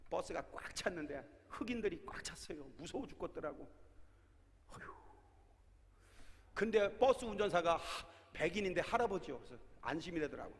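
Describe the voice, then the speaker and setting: A man in his sixties, a pastor preaching a sermon, telling stories and breaking into shouted exhortations, in a large prayer hall. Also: fairly high pitch, slight background noise. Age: 60s. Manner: animated storytelling with shouted exhortations. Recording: long reverb of a large hall.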